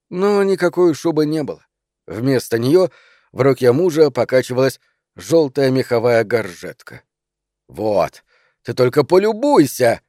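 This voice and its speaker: A man reading an audiobook at mid pitch, measured and expressive. The sound is close and dry, with no room around him. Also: no room sound. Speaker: narrator.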